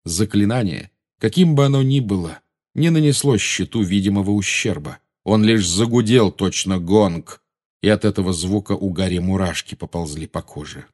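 A man narrating an audiobook in a measured, dramatic reading style. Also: deep voice, a little mellow.

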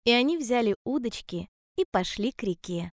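A woman telling a children's story in a calm, gentle and measured way. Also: fairly high pitch, no room sound, studio quality.

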